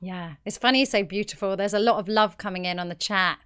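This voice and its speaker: Smooth-voiced woman podcast host. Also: mid-range voice, fast, fairly bright tone. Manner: reads out viewer questions with many ums. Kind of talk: live-streamed interview.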